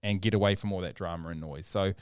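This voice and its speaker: Opinionated low-voiced podcast man. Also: fairly even intonation, fast talker, darkish tone, clear, resonant tone, dry recording, clean studio sound. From New Zealand. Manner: opinionated, emphatic, argues points with rising energy. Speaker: podcast co-host. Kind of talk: casual sports chat.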